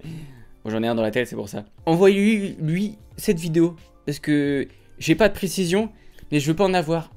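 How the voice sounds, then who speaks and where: A man's voice: a little high, expressive, normal speed, a little mellow, faint music behind. A young man doing casual, joking reaction commentary on videos, often laughing.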